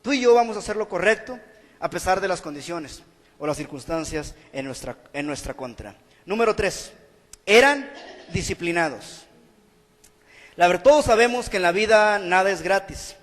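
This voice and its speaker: A man's voice: sits high, animated, normal speed, a bit bright, long reverb tail. A man preaching a sermon in church, earnest and exhorting. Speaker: pastor. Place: church hall.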